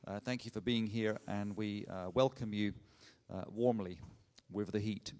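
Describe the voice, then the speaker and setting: Man, lowish voice, hesitant church announcements, echoey sanctuary. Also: fairly even intonation, a little slow, darkish tone. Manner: hesitant, many filler sounds, light humor. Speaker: church leader giving announcements.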